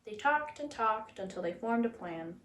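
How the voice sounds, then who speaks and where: A woman narrating a children's story as a reader, in an expressive storytelling style. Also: fairly high pitch, moderate pace. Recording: echoey room, faint background noise.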